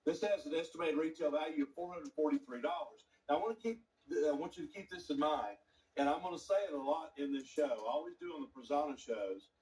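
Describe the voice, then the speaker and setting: A man's voice: fairly high pitch, fast talker, a little mellow, recorded from a distance, poor audio. Upbeat man hosting a shopping show. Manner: enthusiastic, chatty salesman patter. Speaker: TV shopping host and gemologist. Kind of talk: live home shopping presentation.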